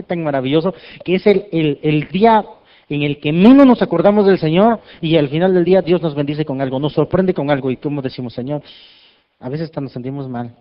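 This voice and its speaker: A man preaching as a pastor, lively and joking as he asks the congregation questions. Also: a little high. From Mexico. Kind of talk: sermon. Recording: dull lo-fi sound.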